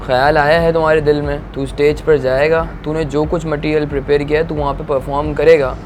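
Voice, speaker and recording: A man's voice: fairly high pitch, flat delivery, brisk, a little hiss or hum, voice pushed up, natural voice. A man voicing an upbeat, encouraging young friend. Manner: coaxing, reassuring.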